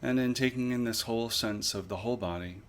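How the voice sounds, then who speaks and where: A man with a medium-pitched voice guides a body scan meditation as an instructor. His phrasing is measured and gently instructive, with frequent pauses.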